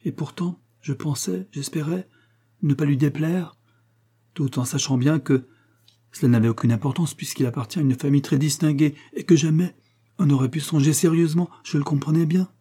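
Brief: earnest young heroine in a storybook reading, pleading and emotional, dark husky tone, played by a man. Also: a little high, normal speed. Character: young woman, earnest and lovesick.

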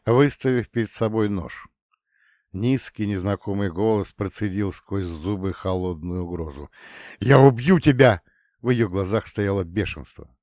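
Low-voiced male audiobook narrator. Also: a little mellow, no echo, clean studio sound.

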